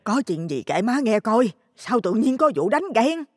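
A sharp-tongued middle-aged mother, played by a man in a storybook reading, her voice raised high and swinging lively as she scolds. Her words ring out with a long tail of reverb. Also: normal speed. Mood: anxious. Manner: scolding, shrill. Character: loud-mouthed, hot-tempered middle-aged mother.

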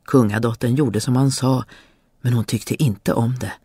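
A narrator reading a fairy tale aloud in a measured, expressive way. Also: mid-range voice, husky, dry recording.

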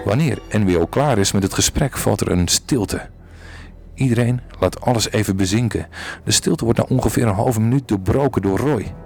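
With a gravelly, darkish voice edged with breath, a man reads a podcast story at normal speed. He stumbles and restarts now and then, lifting his voice higher for the characters' lines, while faint music plays in the background.

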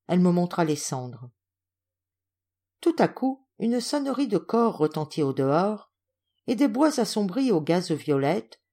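A woman reads a literary fairy tale for an audiobook. Her voice sits fairly low, and her delivery is expressive and theatrical. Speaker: audiobook reader. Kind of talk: scripted narration of a literary tale.

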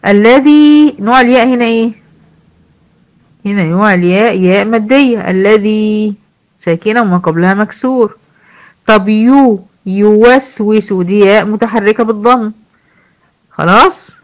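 Egyptian woman, tajweed teacher, asks questions and answers them herself, recites examples slowly. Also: mid-range voice. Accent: Egyptian Arabic. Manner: explains rules, then recites verses slowly.

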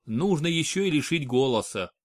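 A man narrating an audiobook in a measured storytelling manner. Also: fairly high pitch, animated.

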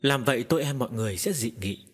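A man voicing an older village father who speaks in a measured, reasonable way. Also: mid-range voice, lively intonation, husky. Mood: calm.

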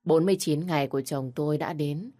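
Female storyteller, low-pitched, measured and somber narration. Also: warm tone.

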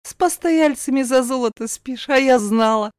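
A woman's voice: big pitch swings, normal speed, no room sound, clean studio sound, close to an everyday voice. A woman voicing a spiteful young stepsister who mocks and jeers in a raised, sneering voice. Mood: mocking. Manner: sneering, jeering, shrill screaming.

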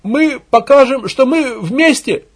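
A man's voice: very high voice, lively intonation, slow pace, a little hiss or hum, voice pushed up, heavily acted. A man voicing a frenzied male propagandist who whips a crowd into chanting, his voice climbing to a screech. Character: shrieking male rabble-rousing propagandist.

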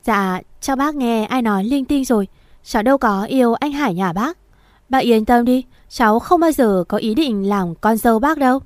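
A woman voicing a poor, shy young girl who speaks softly and politely. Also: a little high, normal speed, no echo, clean studio sound, natural voice.

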